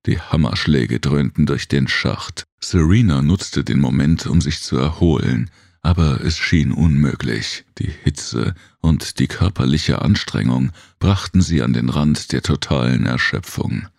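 Male audiobook narrator, extremely deep, dry close sound. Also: vocal fry, darkish tone, no echo. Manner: measured storytelling.

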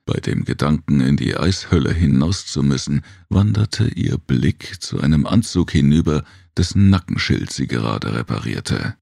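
A male narrator with a very deep, gravelly voice reads with expressive, wide-ranging intonation. The sound is dry and close, with no room around it. He delivers scripted audiobook narration. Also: normal speed, hardly any pauses, no echo.

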